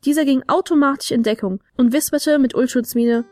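A woman narrating a children's advent story in a lively, expressive way. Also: sits high, a little fast. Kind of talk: storybook reading.

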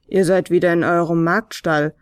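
A woman voicing a gentle, soothing large creature with big paws in a storybook tale. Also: lowish voice, moderate pace, no room sound, clean studio sound, pitched below the performer's own voice, lightly acted. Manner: warm, soothing, calm.

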